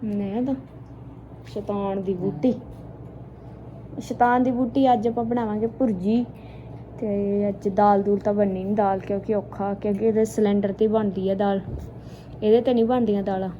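A woman's voice: mid-range voice, little pitch movement, fairly quick, mellow, dull audio. A young woman with a Punjabi accent chatting casually while cooking for a home vlog. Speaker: family vlogger. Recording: noisy home kitchen recording.

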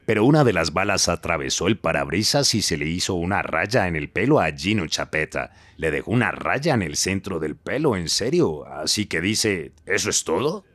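Brief: older male interviewee, very low voice, lively swings in pitch, blunt storyteller, dry sound. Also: no room sound. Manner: blunt, crude anecdotes with quoted dialogue.

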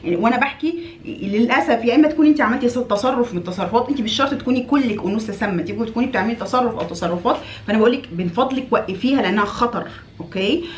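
A woman with an Egyptian Arabic accent giving direct advice to women as a relationship coach. She scolds, repeats phrases for emphasis and acts out quoted wives with big pitch jumps. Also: very fast, reverberant, a little hiss or hum.

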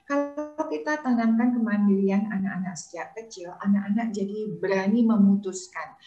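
A woman's voice: mid-range voice, moderate pace, warm tone, lo-fi sound, faint music behind. A middle-aged woman speaking as a parenting motivator on a talk show, telling family stories with frequent "eh" fillers and small chuckles, heard over a video call. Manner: anecdotal, frequent "eh" fillers, chuckles mid-sentence. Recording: roomy video-call audio.

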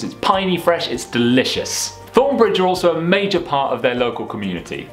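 A young British man hosts a beer vlog, reading a scripted piece straight down the lens. His voice sits a touch high and swings animatedly, with cheeky asides. The small room rings noticeably and light music plays underneath. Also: roomy sound. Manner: lively, playful asides. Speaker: beer vlogger host. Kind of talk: scripted enthusiastic presenting to camera.

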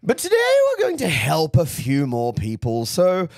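A man playing a campy, bawdy older agony aunt who drawls innuendo with theatrical swoops in pitch. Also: huge pitch swings, moderate pace, dry recording, studio quality. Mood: camp. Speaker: co-host. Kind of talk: comedic improv sketch.

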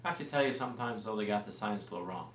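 A man in his forties with a fairly low voice talks through church history in a relaxed, explanatory way, often pausing on fillers and restarting phrases. He sounds a little distant from the mic in a roomy space, with a faint hiss behind him. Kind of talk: explanatory studio discussion. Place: small studio set with lamp and plants.

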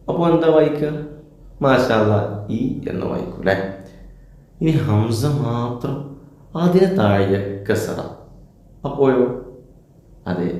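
A man's voice: mid-range voice, darkish tone. A man teaching young children their first letters, patiently asking questions and then answering them himself. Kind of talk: children's lesson. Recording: very echoey room.

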